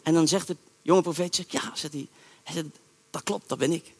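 A male preacher with a high-pitched voice tells a scripture story from the pulpit. He talks in a lively, everyday way and slips into the voices of the people he quotes. His voice rings out with a long echo, as in a large church hall. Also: normal speed. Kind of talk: sermon retelling a Bible story. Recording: echoey hall reverb.

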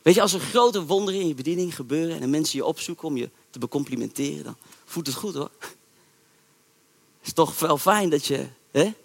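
A man preaching a sermon, retelling a Bible story in a lively, colloquial way and acting out the characters' words. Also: a little high, brisk, creaky. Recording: echoey hall reverb.

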